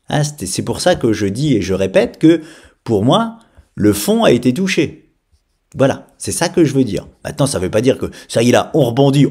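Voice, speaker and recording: A man giving a casual crypto chart analysis, talking in an animated way and filling pauses with frequent hesitations. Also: mid-range voice. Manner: animated, frequent "hein" and "euh" fillers.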